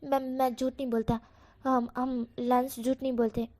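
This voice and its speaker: A woman's voice: high-pitched, measured pace, warm tone. A woman voicing a shy, flustered young man who stammers and hesitates as he denies his feelings.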